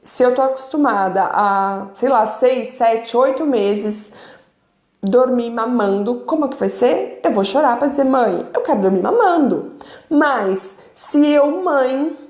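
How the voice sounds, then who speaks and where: A woman's voice: on the high side, takes it slowly, darkish tone, roomy sound. A woman in her thirties, a sleep consultant, explaining to parents in a conversational way, asking them rhetorical questions. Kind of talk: informal teaching talk to parents.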